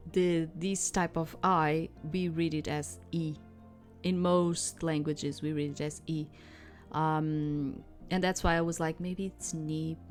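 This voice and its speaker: Woman doing a game read-through, bit low voice, expressive w/ casual comments, faint music. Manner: reads story expressively, breaking off to comment. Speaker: streamer reading a visual novel aloud. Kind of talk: narrated game playthrough with casual asides.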